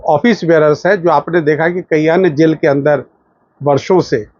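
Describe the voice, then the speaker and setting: A man speaking as a lawyer in formal political commentary to a news channel, emphatic, with pauses and fillers. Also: a little high, steady tone, a little mellow, dry recording, highs cut off. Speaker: lawyer giving a statement.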